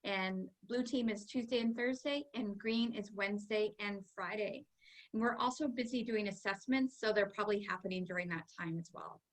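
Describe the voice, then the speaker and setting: A woman's voice: mid-range voice, moderate pace, rough recording. A woman from Canada, a kindergarten teacher, hosting a virtual back-to-school night for parents in a cheerful, chatty way. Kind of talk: upbeat presentation to parents.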